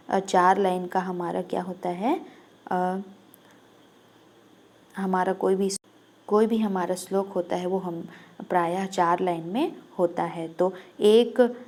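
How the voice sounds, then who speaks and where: A woman's voice: medium pitch, a little mellow. Woman teacher quizzing her own class. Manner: explains step by step, asks and answers her own questions; drags out sounds when demonstrating. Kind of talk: exam-prep lesson.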